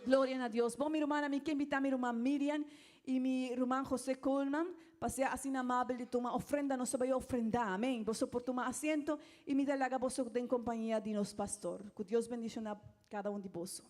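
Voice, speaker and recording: A woman's voice: high-pitched, steady tone, a little fast, darkish tone. A woman leading a fervent congregational prayer in a church service, pleading and repeating the word Lord between phrases.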